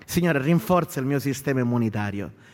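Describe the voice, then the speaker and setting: A man's voice: mid-range voice, lively intonation, fairly quick, darkish tone. A male pastor preaching a sermon, building emphasis with rhetorical questions, in an echoey hall.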